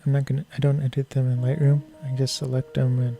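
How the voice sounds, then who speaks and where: Casting: male streamer, casual low-key explainer, dark relaxed tone with noticeable vocal fry, soft music underneath. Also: quick pace. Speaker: live-streaming photographer. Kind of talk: casual live-stream commentary while editing photos.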